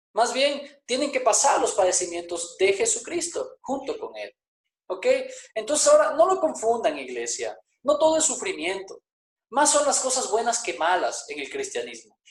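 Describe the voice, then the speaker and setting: Pastor, male, high voice, emphatic preaching style with rhetorical questions, roomy church sound. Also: big pitch swings, moderate pace. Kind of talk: sermon.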